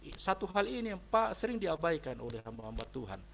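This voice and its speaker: A man's voice: on the high side, very animated, quick pace, creaky, a bit bright, a little hiss or hum. A man preaching a sermon as a pastor, telling a personal story with emphatic delivery and often addressing his listeners directly. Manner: emphatic, repeatedly addresses listeners as brothers and sisters.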